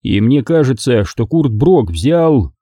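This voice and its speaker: A man's voice: medium pitch, sing-song, slow pace, mellow, breathy edge, no room sound, studio quality, exaggerated voice. A man reading an audiobook and voicing a blunt, persistent male detective who questions accusingly. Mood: pressing.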